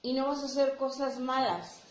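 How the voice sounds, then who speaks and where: A woman preacher giving a sermon, speaking deliberately and asking the congregation rhetorical questions. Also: high voice, steady tone. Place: church hall. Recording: echoey room with faint ambient noise.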